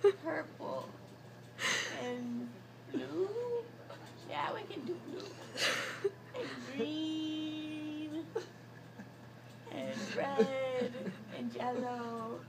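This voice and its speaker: Lying in bed in a small hospital recovery room, a young woman still groggy from surgical anesthesia rambles boastfully and casually, drawing out her words. Her voice sits high over a noisy crowd. A handheld phone held a short way off captures it in a noisy recording.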